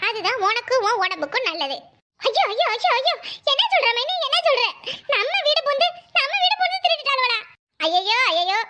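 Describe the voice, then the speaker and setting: A woman's voice: very high-pitched, bright, forceful tone. A woman voicing a sly, greedy young village woman in a cartoon, mocking and theatrical, with a Kanyakumari Tamil accent. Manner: mocking, theatrical wailing, gossipy. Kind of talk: cartoon voice acting.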